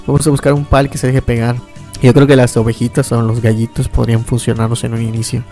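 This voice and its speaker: A man giving casual, excitable gameplay commentary, often yelping and laughing at the game. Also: mid-range voice, fast talker, soft background music. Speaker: gaming YouTuber.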